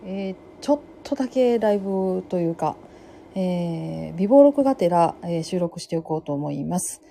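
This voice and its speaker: A middle-aged woman chats on her own about books she has read. She talks loosely, with lots of fillers and sudden swings in loudness. Her voice is mellow and warm, with a faint hiss behind it. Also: lowish voice, vocal fry. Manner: chatty, many fillers, lively swings in loudness. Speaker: podcast host reviewing books. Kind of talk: casual solo talk.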